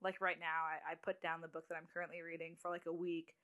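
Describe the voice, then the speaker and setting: A woman's voice: deep voice, flat delivery, pushed and bright, clean tone. A woman in her late twenties, a guest on a podcast, chatting casually and restarting her sentences often. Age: 20s. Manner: chatty, halting with restarts and little laughs. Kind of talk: casual chat.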